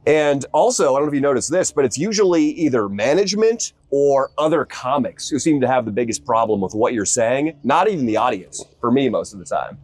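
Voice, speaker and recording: Lively, deadpan male comedian outdoors. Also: mid-range voice, a little fast, hardly any pauses, no room sound. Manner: deadpan, sarcastic. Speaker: stand-up comedian. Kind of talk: casual chat. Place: outdoors by the water, fishing.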